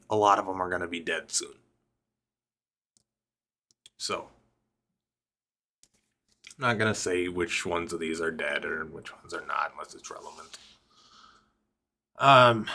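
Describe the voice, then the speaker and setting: A man's voice: lowish voice, pushed and bright. Profane, rambling young man storytelling. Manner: profane, rambling, self-interrupting. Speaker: vlogger and rapper. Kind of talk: casual personal storytelling to camera.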